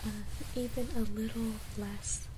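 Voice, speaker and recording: A woman doing an ASMR role-play as a personal shopper, gently presenting clothes to a client in a soft, breathy voice. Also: a little high, little pitch movement, measured pace, noisy background. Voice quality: soft, breathy, often soft-spoken.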